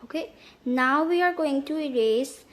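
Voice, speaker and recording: A woman narrating a step-by-step app tutorial in halting, repetitive phrasing. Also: sits high, a bit bright. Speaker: tutorial host.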